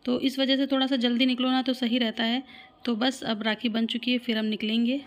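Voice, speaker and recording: A woman's voice: on the high side, little pitch movement, fairly quick. A woman from Lucknow chatting casually to camera in a family vlog, given to exasperated complaining. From Lucknow, India. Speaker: vlogger.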